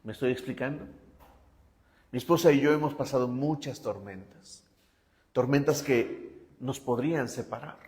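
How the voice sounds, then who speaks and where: A man's voice: mid-range voice, normal speed, long pauses, a little mellow, long reverb tail. A male pastor preaching a sermon with emphasis, often asking the congregation whether they follow him.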